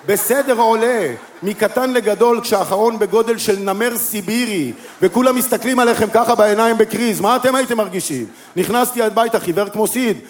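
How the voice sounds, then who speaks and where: High-voiced man telling a comic story. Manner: animated storyteller acting out quoted voices with big pitch swings. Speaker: stand-up comedian. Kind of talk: stand-up storytelling.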